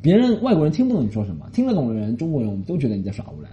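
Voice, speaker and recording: A man from Shanghai rambles through a story in a casual podcast monologue, indignant and animated. He talks fast with a lively swinging pitch and a dark, mellow tone. The recording sounds dull and lo-fi. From Shanghai, China. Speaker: podcast host.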